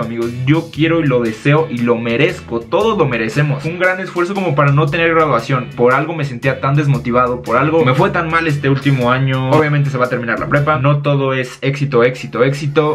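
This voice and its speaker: A young man with a Mexican accent, talking casually and expressively to his viewers in a confessional vlog. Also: medium pitch. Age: young adult. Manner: chatty and expressive, addresses viewers as friends. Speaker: vlogger.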